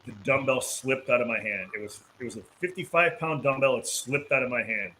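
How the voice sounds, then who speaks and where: A man casually telling an anecdote on a podcast, animated, acting out both sides of a conversation. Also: mid-range voice, fairly quick, a little hiss or hum, rough recording. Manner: animated anecdote, voicing others in quotes. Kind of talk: casual storytelling.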